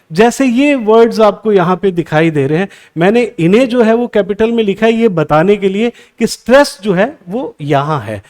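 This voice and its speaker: In an English exam prep lecture, a man blends Hindi with English terms, posing questions to the class and then answering them himself. His voice is high-pitched with a darkish tone.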